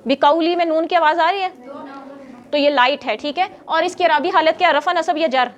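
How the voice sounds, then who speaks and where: A woman's voice: very high voice, dull audio. A woman teaching a grammar class who explains step by step, quizzes her students and scolds them when they get noisy.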